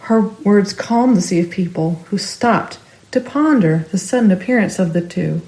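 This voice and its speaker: A woman storyteller reading a family ghost story aloud, expressive and rising with the action. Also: mid-range voice, moderate pace, roomy sound, rough recording. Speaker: storyteller for a library. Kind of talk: scripted ghost story narration.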